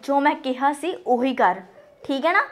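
A woman's voice: high voice, expressive, normal speed. A young woman playing a pregnant girlfriend in a short film, firm and pleading. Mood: annoyed. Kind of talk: scripted film dialogue.

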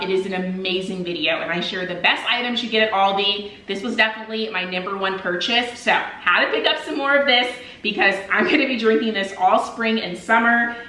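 A woman's voice: mid-range voice, pushed and bright. A young woman in a home kitchen, chatting upbeat to her viewers as she shows off her shopping haul. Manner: upbeat, chatty, addresses viewers as "you guys". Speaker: vlogger. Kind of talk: casual haul video chat. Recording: echoey room.

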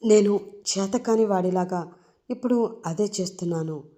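A woman's voice: mid-range voice, moderate pace, dark tone, lightly acted. A woman voicing a helpless young husband who speaks in a subdued, apologetic way.

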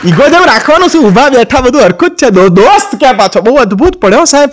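Gujarati stand-up comic, male, voices the husbands and wives in his jokes, pitched very high and talks fast. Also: big pitch swings, a crowd in the background, background noise. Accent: Gujarati, Ahmedabad. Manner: acts out quoted wives and husbands in raised voices. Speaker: stand-up comedian. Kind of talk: Gujarati joke telling to camera.

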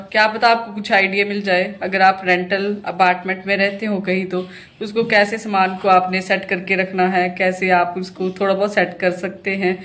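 A woman's voice: mid-range voice, a bit bright. Chatty woman giving a home tour. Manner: chatty, pointing things out. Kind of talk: casual home tour narration.

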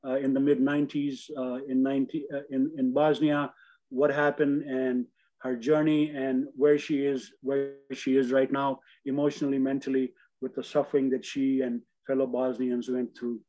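A man's voice: mid-range voice, level tone, normal speed, mellow, dull audio. An older man hosting a webinar on a video call, reading a formal introduction with hesitant fillers. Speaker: webinar host. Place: home room.

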